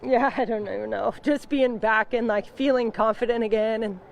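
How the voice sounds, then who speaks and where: A woman athlete answering a post-round interview in loose, halting, conversational phrases. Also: a little high, steady tone, gravelly. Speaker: athlete, tournament winner.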